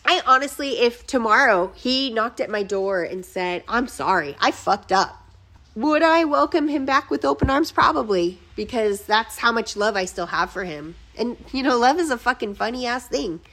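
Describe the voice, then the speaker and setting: A woman in her thirties, a podcast host, telling a painful personal story in an emotional, profane, halting way, close to tears. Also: fairly high pitch, expressive, fairly bright tone.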